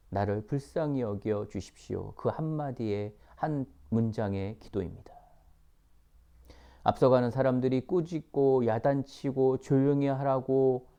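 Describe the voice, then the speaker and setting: A man preaching a sermon, reading scripture and explaining it in slow, emphatic, repeated phrases, sometimes dropping to a whisper. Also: mid-range voice, warm tone. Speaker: missionary preacher.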